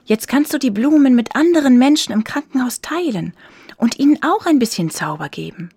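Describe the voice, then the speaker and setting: Woman doing an eager little girl, raised pitch. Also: expressive, brisk, a little mellow, husky, no room sound, clean studio sound, exaggerated voice.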